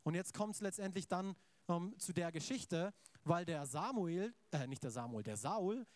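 A man's voice: sits high, lively intonation, a little slow, no echo. A man preaching a sermon in a casual, conversational way, retelling scripture and keeping asking his congregation for agreement.

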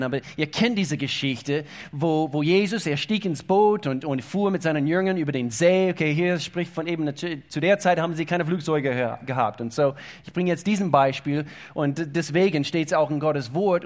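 Halting, higher-voiced male preacher. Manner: halting with repeated words, swings between hushed and loud. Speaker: pastor. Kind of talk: sermon.

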